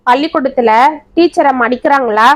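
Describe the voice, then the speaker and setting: A woman's voice: high-pitched, a little fast, lo-fi sound, lightly acted. Woman doing a kind old grandmother. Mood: coaxing. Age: older. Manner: gentle, coaxing, worried.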